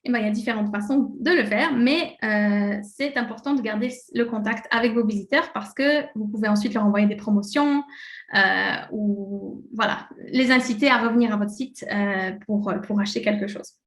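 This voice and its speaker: A woman from French-speaking Switzerland presents a casual live webinar, chatting with many fillers and laughing at her own slips, her accent distinctly French-Swiss. Her voice is medium in pitch at a moderate pace, and the sound is roomy.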